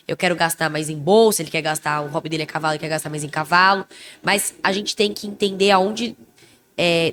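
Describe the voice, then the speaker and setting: A young woman with a Brazilian Portuguese accent co-hosting a podcast in casual chat, emphatic and expressive, a little under the weather. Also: lowish voice. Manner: expressive, emphatic, self-described loud voice. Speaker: podcast co-host.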